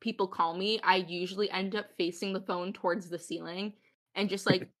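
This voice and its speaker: A woman's voice: lowish voice, fairly even intonation, normal speed, a bit bright. A young woman hosting a podcast, chatting casually with friends in a bubbly, giggly way. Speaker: podcast host.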